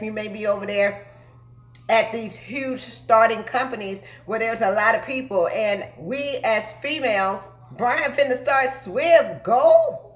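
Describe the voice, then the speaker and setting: A woman's voice: mid-range voice, fairly bright tone, echoey room. A woman in her forties giving an emphatic motivational talk to viewers, often checking in with "okay?". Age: 40s. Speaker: truck driver and recruiter.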